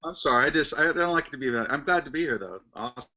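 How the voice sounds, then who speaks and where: A man's voice: fairly high pitch, animated, rapid-fire, pushed and bright, lo-fi sound. A man co-hosting a live web show, trading wry, playful jokes. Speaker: co-host. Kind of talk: joking banter.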